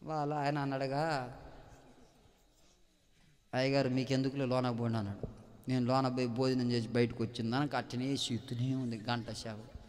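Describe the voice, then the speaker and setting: A male pastor, preaching fervently, dropping to hushed storytelling and then rising to shouted appeals. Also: mid-range voice, fairly even intonation, a little fast. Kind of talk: sermon. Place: church hall. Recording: long hall reverb.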